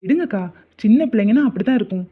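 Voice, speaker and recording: A woman's voice: fairly high pitch, expressive, rapid-fire, slightly rough. A woman doing a friendly young neighbor, tinny. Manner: friendly, encouraging. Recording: tinny phone-like sound.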